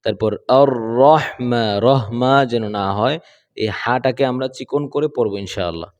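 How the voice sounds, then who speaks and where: A man teaching Quran recitation, chanting verses slowly and explaining pronunciation patiently. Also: mid-range voice, muffled recording. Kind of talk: slow recitation lesson with explanations. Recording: long hall reverb.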